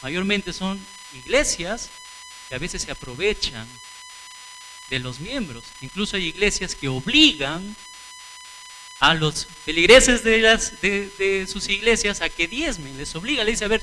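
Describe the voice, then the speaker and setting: Lively high-voiced preacher. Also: male voice, a little slow, slight background noise, poor audio. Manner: asks rhetorical questions and answers them; addresses the congregation as brothers and sisters. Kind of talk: sermon.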